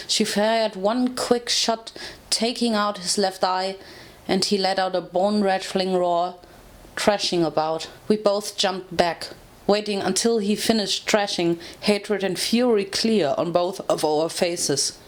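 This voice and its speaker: A woman reading a first-person fan story aloud, steady and narrative, with occasional self-corrections. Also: medium pitch. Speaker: fanfiction reader.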